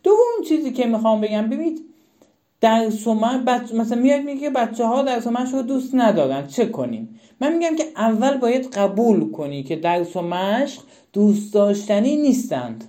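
Animated woman lecturing parents on a live stream. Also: a little high. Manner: animated, emphatic, repeats questions. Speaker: parenting educator.

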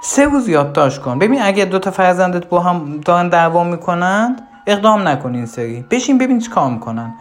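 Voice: mid-range voice, very animated, hardly any pauses. Direct parenting coach over faint music. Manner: direct, instructive, rhetorical questions to parents. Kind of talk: recorded course lesson.

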